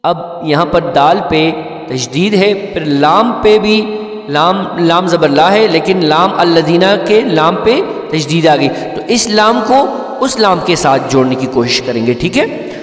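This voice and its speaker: A man's voice: fairly high pitch, lively intonation. A man teaching Quran recitation step by step, patiently explaining each letter and often checking that his listeners follow. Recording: echoey room with long reverb, faint music.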